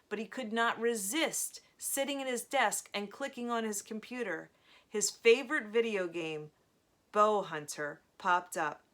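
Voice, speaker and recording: A woman reading a novel aloud in a slow, measured storytelling manner, with casual asides between chapters. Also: mid-range voice, pushed and bright. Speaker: reader of a novel.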